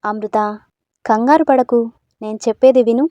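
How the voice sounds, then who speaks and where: A woman voicing a gentle pleading female ghost. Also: on the high side, moderate pace, no room sound, muffled recording, natural voice. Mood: reassuring. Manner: soft, reassuring, patient.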